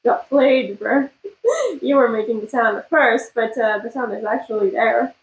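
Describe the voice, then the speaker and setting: A woman's voice: fairly high pitch, fairly even intonation, normal speed, roomy sound, phone-quality sound. A woman in her twenties reacting casually to clips, giggly and trying not to laugh. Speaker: reaction video host. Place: living room, indoors.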